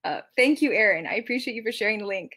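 Fast and animated, with a sharp tone in a mid-range voice, a woman in her 20s livestreams via webcam from a small bedroom. She's a TikTok creator and actor whose bubbly Gen Z chatter is giggly, self-mocking, and full of "like."

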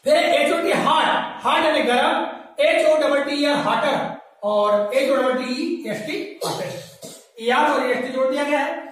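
A woman teaches a class, her voice pitched high and heard from some distance. She spells each word out letter by letter and keeps checking that her pupils understand. The room is very echoey. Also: steady tone, moderate pace. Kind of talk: classroom lesson. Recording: echoey room, mic far off.

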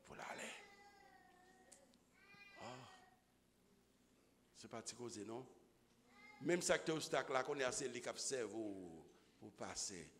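A man preaching a sermon as pastor, swinging from low murmurs to shouted exclamations. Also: takes it slowly, pauses often, slight background noise. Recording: echoey hall with long reverb.

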